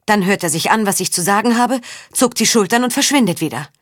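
A woman voicing a hoarse, proud young countess who sounds weary and defiant, in an audiobook. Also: medium pitch, expressive, a little fast, no echo, clean studio sound, voice pushed up, natural voice. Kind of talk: audiobook character voice.

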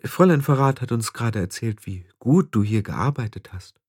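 A man reading the part of a composed older witch woman who talks smoothly. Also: mid-range voice, expressive, moderate pace, a little mellow, dry recording, clean studio sound. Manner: smooth, unembarrassed.

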